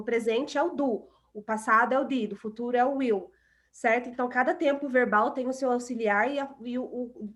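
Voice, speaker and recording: Brazilian woman, English teacher, patient and repetitive, slightly high voice. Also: a bit bright. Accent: Brazilian Portuguese. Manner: patient, repeats example words slowly. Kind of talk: online class explanation.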